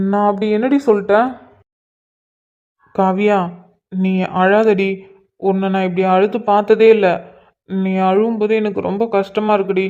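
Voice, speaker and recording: A man voicing a gentle, devoted young husband in a cartoon, coaxing and soothing his crying wife. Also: sits high, highs cut off.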